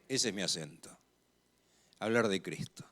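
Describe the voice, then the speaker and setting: His voice is low and expressive as he preaches with an Argentine accent. The sermon moves at a measured pace, emphatic throughout, with key phrases delivered more loudly.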